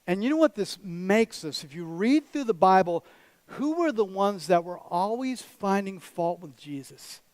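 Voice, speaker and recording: A man's voice: high-pitched, expressive, measured pace, a little mellow, no echo. A man preaching a sermon as a pastor, direct and conversational, with teasing asides to the congregation. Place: church.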